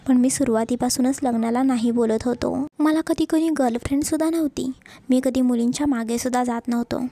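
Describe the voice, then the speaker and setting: A woman's voice: high voice, a little fast, mellow, dry recording. A woman voicing a playful, doting young husband in a romance story. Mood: tender. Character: young husband, teasing and affectionate.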